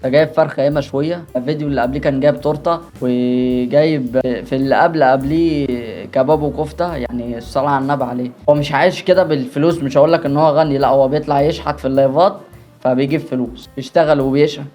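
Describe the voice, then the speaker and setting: A man's voice: medium pitch, steady tone, very fast, a little mellow, faint music behind. A man with an Egyptian accent hosting a reaction video, teasing and joking in casual commentary. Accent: Egyptian Arabic.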